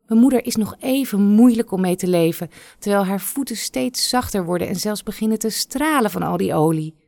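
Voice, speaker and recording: A woman's voice: medium pitch, fairly quick, creaky, a little mellow, no room sound, pitched above the performer's own voice, natural voice. A woman voicing an anxious young princess from a fairy tale, asking worried, pleading questions.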